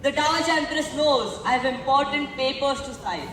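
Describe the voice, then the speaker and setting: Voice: high-pitched, moderate pace, a bit bright, slight background noise. A student playing a scornful, scheming heir claimant in a school stage play. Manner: scornful, plotting. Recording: echoey hall from far off.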